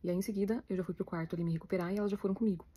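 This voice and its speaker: Rapid-talking Brazilian woman vlogger. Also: medium pitch, steady tone, dark tone, slightly rough. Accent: Brazilian Portuguese. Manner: rapid, chatty, emotional retelling. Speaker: vlogger, new mother. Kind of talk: casual storytelling to viewers.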